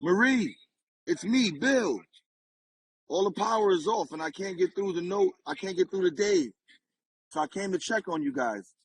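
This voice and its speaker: A man's voice: high voice, animated, moderate pace, long pauses, slight background noise, low-quality recording. A man reading a stiff sheriff. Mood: flat. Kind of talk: amateur table read.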